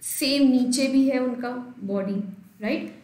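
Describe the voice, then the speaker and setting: A woman's voice: high-pitched, slow, a little mellow, roomy sound, a little hiss or hum. A woman teaching biology in a live online class. She explains step by step while she draws, often checks in with her students and greets viewers from the live chat. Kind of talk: live online lesson in Hindi-English mix.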